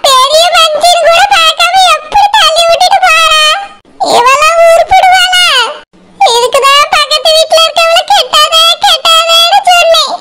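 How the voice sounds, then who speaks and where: A quarrelsome old village mother-in-law scolds in a very high, bright, cutting cartoon voice, voiced by a woman. She speaks with a Tirunelveli Tamil accent. She nags and complains without letting up. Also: moderate pace. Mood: wailing. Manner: shrill and scolding. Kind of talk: cartoon voice acting.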